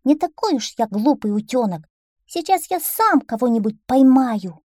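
A woman voicing a greedy, boastful little male duckling who shouts and brags in a storybook reading. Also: big pitch swings, normal speed, dry recording, studio quality. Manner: loud, shrill and cocky.

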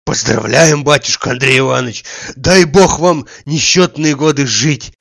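A man's voice: mid-range voice, normal speed, dry recording. A man doing a wheezy old servant. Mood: overjoyed. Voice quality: wheezy, hoarse. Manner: loud, exclaiming, bowing and fussing. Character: old male servant, fussy and devoted. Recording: dull dry lo-fi recording.

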